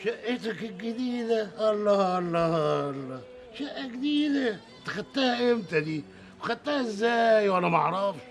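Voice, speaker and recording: A gravelly old Egyptian father. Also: mid-range voice, expressive, a bit bright. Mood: sly. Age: older. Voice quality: gravelly, bossy, quick-tempered. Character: stubborn old Egyptian father set on remarrying. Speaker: father of a grown son. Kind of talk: TV drama acting. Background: background score music.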